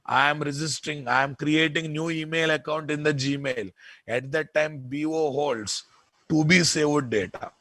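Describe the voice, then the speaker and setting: A man with a Telugu Indian accent teaching software in an informal lecture, repeating points emphatically and often checking with listeners. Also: a little high, fairly even intonation, moderate pace, dry recording. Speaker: programming instructor.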